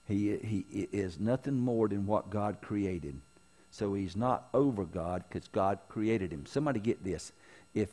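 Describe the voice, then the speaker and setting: A man's voice: medium pitch, darkish tone. A man, preaching a sermon as pastor in a folksy manner, calling out to his congregation.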